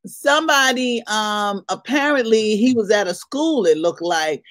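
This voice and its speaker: A woman co-hosting a casual morning chat show, loud and laughing as she tells stories and gossips. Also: fairly high pitch, animated, a little slow, dry recording. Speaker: co-host.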